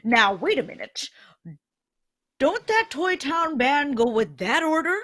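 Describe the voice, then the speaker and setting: A performer playing a jolly, chuckling old Santa Claus in a live reading of an old-time radio play. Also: female voice, high voice, very animated, a little slow, a bit bright, full character voice.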